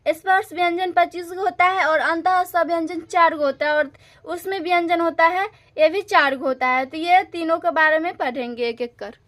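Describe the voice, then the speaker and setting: A woman teaching a grammar lesson, explaining slowly and repeating each definition. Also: extremely high pitch, fairly bright tone. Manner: slow, repetitive explaining, restating definitions.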